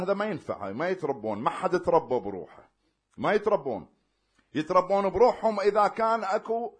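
A man preaching a sermon, swinging between loud emphatic declarations and hushed, quiet passages. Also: high voice.

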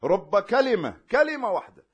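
A man preaching a sermon, swinging between loud emphatic declarations and hushed, quiet passages. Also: high-pitched, big pitch swings, normal speed, slightly rough, lo-fi sound.

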